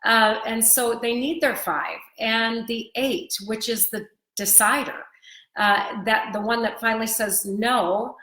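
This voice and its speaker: A woman's voice: a little high, a little slow, pushed and bright. A woman co-hosting a live video stream, explaining a book she wrote in a teaching tone. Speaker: co-host and author. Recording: roomy echo.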